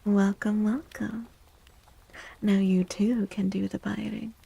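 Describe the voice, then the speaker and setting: In a mid-range, mellow, breathy voice, a woman hosts a soft-spoken ASMR stream, often sinking toward a whisper. She speaks slowly and gently with a creaky edge and a flat delivery, soothingly repeating small phrases to her listeners.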